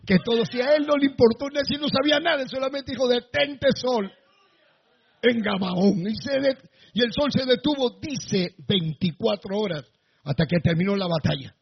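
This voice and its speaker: A male pastor preaching a sermon to a congregation, with sudden shouted bursts. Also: extremely high pitch, moderate pace, creaky, breathy edge, lo-fi sound. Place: church before a congregation.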